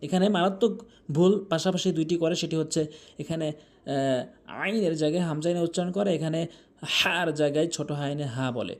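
A man's voice: on the high side, normal speed, pauses often. A man teaching correct Quran pronunciation in a lesson, patiently repeating each correction plainly.

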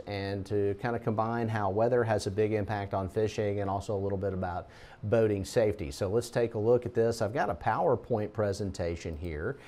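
A middle-aged man, a TV meteorologist giving a relaxed, folksy talk over slides. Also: lowish voice.

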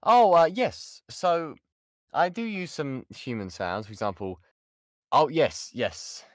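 Slow and fairly high-pitched, with huge swings in pitch, a British voice actor chats informally and modestly as he answers questions in an online workshop. The sound is dry and clean, studio-grade, recorded through an XLR mic in his insulated home booth.

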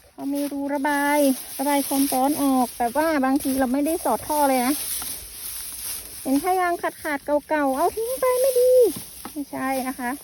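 A woman farmer talks casually to her viewers as she checks her mushroom beds out in the sun. Her voice sits high but has a soft, mellow tone, and she keeps explaining and exclaiming as she goes. Faint outdoor noise runs underneath her. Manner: chatty, exclaims over the harvest, explains tips. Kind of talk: casual farm vlog talk.

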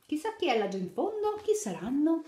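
Animated woman storyteller for children, swooping melody, somewhat high, roomy echo. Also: fairly quick, a little hiss or hum. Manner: animated, asks the children questions while showing pictures. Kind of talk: reading a fairy tale aloud to children.

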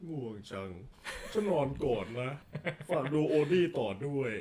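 A man's voice: mid-range voice, expressive, a little slow, crowd noise, close to an everyday voice. A man doing Garfield, a lazy grumpy cartoon cat. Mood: bored, whiny.

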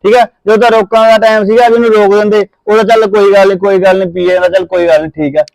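Man acting as a young husband, insistent, high voice, quick delivery, dry close sound. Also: level tone, gravelly, darkish tone, dry recording, rough recording. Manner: insistent, persuasive. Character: young husband defending his wife to his mother. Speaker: son. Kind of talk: Punjabi short film acting.

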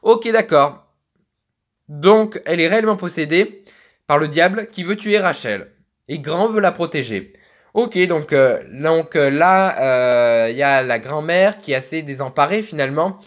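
A young man commenting on a story game, chatty and musing, thinking out loud. His voice is animated with wide swings in pitch. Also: a little slow. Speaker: let's play host. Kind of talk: let's play commentary.

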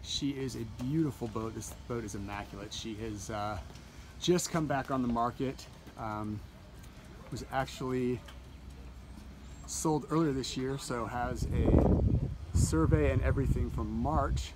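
A yacht broker in his forties gives a relaxed walkthrough of a sailboat docked in a marina, covering the deck and the cabin. He talks into a handheld phone camera with a medium-pitched voice at a measured pace, chatting with frequent fillers and self-corrections. Music plays nearby, adding background noise to the phone recording.

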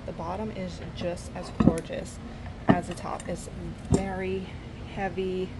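A woman, walking through a cluttered old store and chatting excitedly to viewers about the things she finds, filmed on a handheld phone. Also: on the low side. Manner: enthusiastic, chatty, addresses viewers. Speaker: thrifting vlogger. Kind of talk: casual walkthrough narration. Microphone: handheld phone camera, first-person. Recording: loud background noise in a store.

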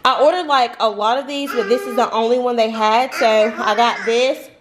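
A woman's voice: on the high side, steady tone, moderate pace, background noise. A young woman in her twenties chatting casually through a grocery haul vlog at home, rambling and laughing often. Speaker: vlogger. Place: home kitchen, indoors. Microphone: camera on the counter.

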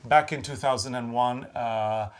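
This craft show-and-tell is hosted by a middle-aged designer whose first language is Norwegian, chatting easily in English. He speaks unhurriedly in a steady, mid-range voice, surrounded by the wood-panelled walls of a small room.

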